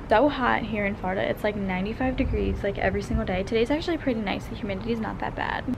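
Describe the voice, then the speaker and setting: A woman's voice: mid-range voice, vocal fry, noisy background. A young woman vlogging casually at arm's length, chatty and upbeat, saying "like" a lot. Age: young adult. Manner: chatty, upbeat, says "like" often. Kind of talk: casual vlog talk to camera. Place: outdoors and indoors on a beach trip, handheld camera. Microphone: camera held at arm's length.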